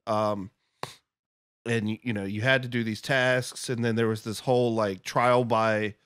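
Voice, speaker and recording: A man's voice: on the low side, little pitch movement, unhurried, a bit bright, clear, resonant tone, no room sound. A man guesting on a casual podcast, talking in a rambling, candid way and swearing now and then. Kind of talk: casual chat over beers.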